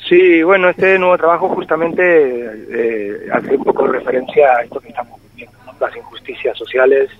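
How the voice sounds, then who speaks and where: Over a tinny, dry phone line, a singer-songwriter in his forties, born in Spain and carrying a faint Argentine-flavored Spanish accent, reflects in an interview with many hesitations. His medium-pitched, slightly rough voice moves at a moderate pace with few pauses.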